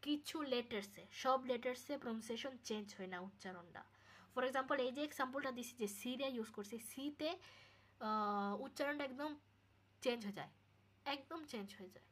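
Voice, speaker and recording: A woman with a slightly high voice gives a casual Spanish pronunciation lesson, recorded alone at home. She repeats each sound slowly and asks "okay?" now and then. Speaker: Spanish tutor.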